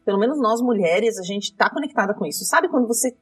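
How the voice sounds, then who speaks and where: A woman's voice: medium pitch, quick pace, slightly rough, recorded from a distance, soft background music. A woman, telling a dramatic story from her rideshare driving in casual chat. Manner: lively, dramatic retelling with quoted dialogue.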